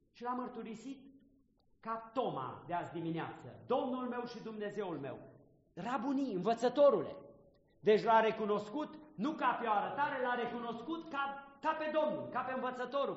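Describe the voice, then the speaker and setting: A man preaching a sermon, reading scripture and reflecting on it aloud, often pausing to pose questions to his listeners. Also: high voice, roomy sound, long reverb tail, dull audio.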